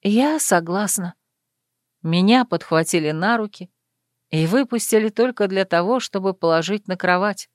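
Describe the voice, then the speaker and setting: A woman narrating a first-person romance audiobook in an intimate, measured reading. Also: medium pitch, dry recording, clean studio sound.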